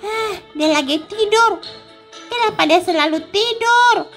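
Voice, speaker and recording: Game voice of a jealous little boy, whiny and childish, very high and slow, as a woman puts him on. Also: lively intonation, music in the background, heavily acted. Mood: mischievous.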